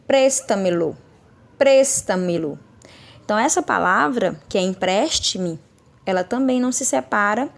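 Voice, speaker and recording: Patient Brazilian woman teaching Spanish. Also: medium pitch. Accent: Brazilian Portuguese. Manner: patient, checks understanding with tag questions; slows down and stresses example words. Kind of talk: recorded classroom lesson.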